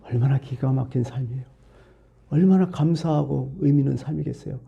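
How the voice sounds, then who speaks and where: A man's voice: mid-range voice, brisk, gravelly, warm tone, lo-fi sound. A male pastor preaching a sermon, telling a parable and asking rhetorical questions.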